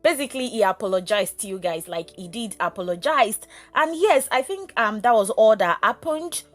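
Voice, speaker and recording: A woman's voice: medium pitch, animated, moderate pace, soft background music. A woman with a Nigerian accent, chatting casually as a vlogger and filling her talk with um and you know. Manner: chatty, gossipy, full of fillers like um and you know. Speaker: vlogger recapping a reality show. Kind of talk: casual chat.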